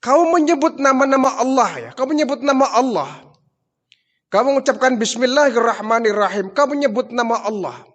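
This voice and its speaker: A man voicing an arrogant, furious ancient king who shouts threats, in a preached story. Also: very high voice, moderate pace, pitched above the performer's own voice, exaggerated voice. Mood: interrogating. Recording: long hall reverb.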